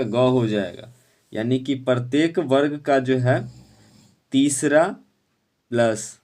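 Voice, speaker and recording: A man teaching an exam-prep lesson, quizzing students and urging them to answer quickly. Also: mid-range voice.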